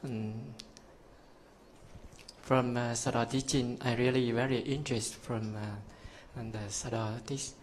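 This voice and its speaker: A man from Vietnam, a course participant, giving halting thanks in broken phrasing. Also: mid-range voice, little pitch movement, a little hiss or hum.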